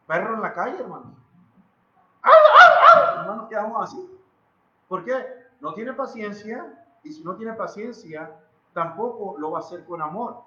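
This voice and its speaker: A man's voice: sits high, fairly bright tone, roomy sound, lo-fi sound. A man with a Mexican Spanish accent preaching a sermon in a church, emphatic and dramatic, who repeats phrases and puts questions to the congregation. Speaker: pastor. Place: church hall.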